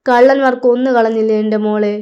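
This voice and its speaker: A drunk young man, torn apart by grief and swearing revenge, as a woman reads him in a story. The voice is smooth and clear. The recording sounds a little dull. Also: on the high side, steady tone, quick pace, warm tone, natural voice. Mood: raging grief. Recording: slightly dull lo-fi audio.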